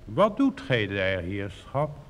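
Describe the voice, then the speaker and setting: A man's voice: on the low side, wildly swooping pitch, slow pace, fairly bright tone, voice pushed down, heavily acted. Young lady frog for a storybook, exclaiming, man voices her, reverberant hall. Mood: surprised. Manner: surprised, exclaiming. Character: pretty young female frog. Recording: reverberant recording with faint hiss.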